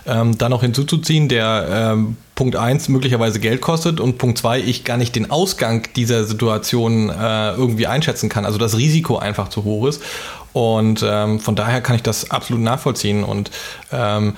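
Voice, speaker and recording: A man with a mid-range voice weighs a topic on a podcast, pausing and restarting as he goes. He sounds careful and considered rather than polished. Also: medium pitch. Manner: hesitant, many "ähm" fillers and restarts. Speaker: podcast co-host. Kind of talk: casual podcast discussion.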